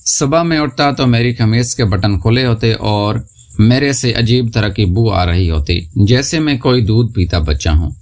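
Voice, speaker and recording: A man narrating a scripted first-person story in a steady, unhurried reading voice. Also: lowish voice.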